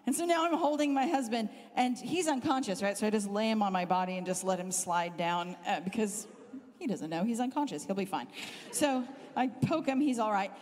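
With hall reverb from a live church talk, a middle-aged woman speaks briskly in a mid-range voice, her Southern Californian accent softened by years in the UK. As a guest speaker, she tells a funny story about herself in a humorous sermon, animated, self-deprecating and laughing often.

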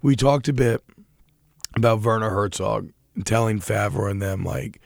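A man's voice: on the low side, unhurried, vocal fry, no room sound, studio quality. A young man co-hosting a casual podcast, talking in a rambling, self-deprecating way with many restarts. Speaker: podcast co-host. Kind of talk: casual chat about a TV show.

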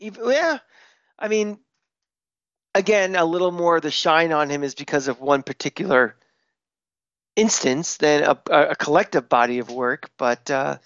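A man co-hosting a casual sports podcast, blunt and opinionated, talking in quick bursts. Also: fairly high pitch, expressive, a bit bright, no echo, muffled recording. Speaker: podcast co-host.

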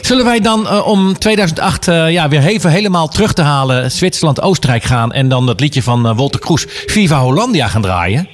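Bubbly Dutch radio host, lively pitch. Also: male voice, a little fast, few pauses, a little hiss or hum. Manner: bubbly, laughs often, excited interruptions. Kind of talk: lively local radio chat. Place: radio studio.

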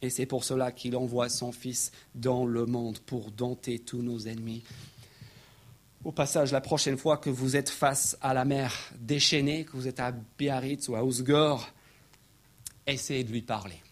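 Slow, emphatic preacher man. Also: mid-range voice. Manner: emphatic preacher, reads verses aloud, rises to excited peaks. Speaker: pastor. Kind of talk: sermon.

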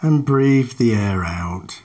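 Guy leading a guided meditation, really slow and calm, medium pitch, long pauses. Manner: calm, measured, unhurried instruction with long pauses.

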